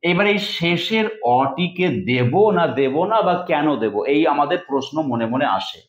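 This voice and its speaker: A man's voice: on the high side, lively intonation, normal speed. A male teacher giving an exam-prep lesson, explaining step by step and asking and answering his own questions. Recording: echoey, dull lo-fi room sound.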